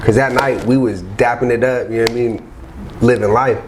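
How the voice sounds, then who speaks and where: A man's voice: mid-range voice, fairly even intonation, fairly quick, noisy background. A man, a rapper guest, talking in a loose, rambling casual chat, often asking "you know what I mean".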